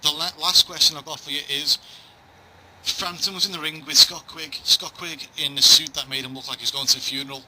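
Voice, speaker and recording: A man's voice: on the high side, steady tone, a little fast, noisy background. A man hosting a casual chat, joking and bantering as he puts questions to a guest. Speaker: podcast host asking a boxing pundit questions.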